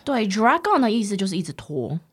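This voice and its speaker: A woman's voice: medium pitch, big pitch swings, a little fast, husky, no room sound, studio quality. A woman hosting a bilingual English lesson, explaining phrases patiently with a teasing, playful manner. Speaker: English teacher and host.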